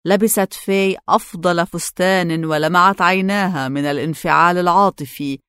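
Low-voiced woman reading a novel aloud. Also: normal speed, a bit bright, smooth, no room sound, clean studio sound. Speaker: audiobook reader. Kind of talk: audiobook narration of a novel.

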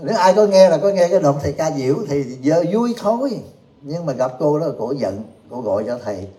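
A Buddhist teacher gives a joking, chatty Dharma talk in a temple hall. His voice sits a little high for a man but sounds mellow and soft-edged. It carries around an echoey room. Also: very animated, fairly quick. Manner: jokey, often laughing, asks the audience questions.

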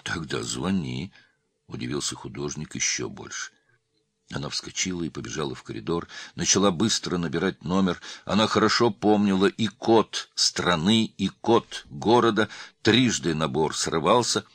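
A man reads an audiobook in a very low, husky voice. His intonation moves expressively. The recording is dry and close, with no room sound. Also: moderate pace, fairly bright tone, dry recording. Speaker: audiobook narrator. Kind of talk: scripted narration.

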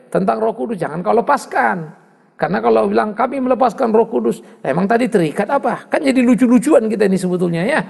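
A male pastor preaching a sermon in an animated way, with mocking asides and rising exclamations. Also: high voice, vocal fry, husky. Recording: long hall reverb.

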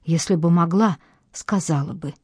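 A woman's voice: fairly low pitch, normal speed, a little mellow, husky, no echo, clean studio sound. A woman reading the part of a young woman in love, speaking emotionally and pleading. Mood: hurt, pleading.

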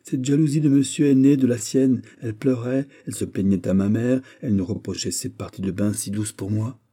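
A man's voice: mid-range voice, a little fast, dark tone, voice pushed up, lightly acted. A man reading aloud and voicing an impassioned, jealous young king who pleads and bursts out. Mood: aggrieved. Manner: pleading, rising to outbursts.

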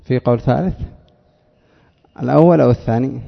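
Gravelly man quizzing a class. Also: mid-range voice, brisk. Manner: quizzes students by name, drills rules with questions. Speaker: teacher of Arabic morphology. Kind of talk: classroom lesson with students. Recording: echoey hall, dull lo-fi sound.

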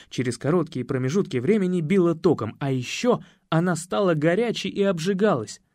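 A man reading a first-person audiobook with a lively, expressive delivery. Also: a little high, dry recording, clean studio sound. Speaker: audiobook narrator.

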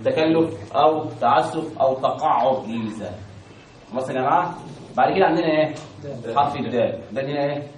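A man's voice: mid-range voice, fairly quick, a little hiss or hum. A man with an Egyptian accent teaching Quran recitation, constantly asking questions and having the class answer in call and response. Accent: Egyptian Arabic. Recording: echoey room from a distance.

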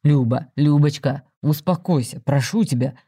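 A man playing a calm, self-justifying married man in an audiobook story, speaking slowly and soothingly. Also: a little high, slightly rough. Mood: placating.

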